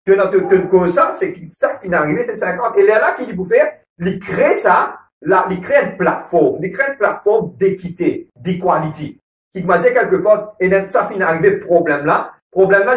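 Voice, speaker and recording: A man's voice: high voice, far from the mic. Earnest Mauritian man in an echoey room. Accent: Mauritian Creole. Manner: earnest, repeats phrases and often checks with "ok?". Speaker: married churchgoer speaking on a couples program. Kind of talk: casual church talk on marriage. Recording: roomy echo, voice from away from the mic.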